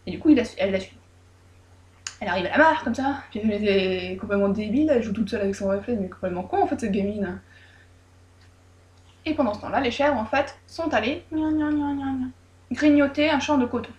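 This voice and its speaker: A woman casually retelling a folk tale with lively, irreverent, joking asides. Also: mid-range voice, quick pace. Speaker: storyteller. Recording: roomy echo.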